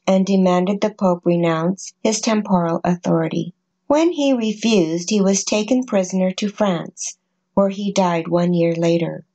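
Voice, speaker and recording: Measured woman narrating a scripted prophecy study. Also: lowish voice. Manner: measured, even reading of scripture and points.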